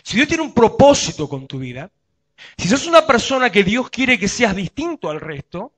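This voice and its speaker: Male pastor, Rioplatense accent, lively sermon delivery with a bright, forceful tone. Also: high voice, moderate pace. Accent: Rioplatense Spanish. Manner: preaching with rhetorical questions to the congregation.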